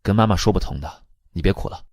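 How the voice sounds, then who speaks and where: Cold, frank older sister, read by a man, low and husky, matter-of-fact. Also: quick pace, a little mellow, dry recording, clean studio sound. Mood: cool.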